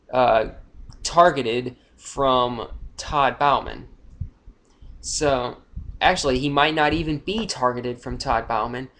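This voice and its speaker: A man's voice: on the high side, a bit bright, slight background noise. A young man giving casual, unscripted fantasy football injury commentary, rambling with frequent fillers and self-corrections.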